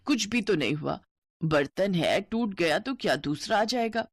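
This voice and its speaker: A woman voicing a gentle, loving middle-aged mother-in-law in a cartoon story, speaking in a soft, soothing way. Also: mid-range voice, lively intonation, unhurried, husky, no room sound, studio quality.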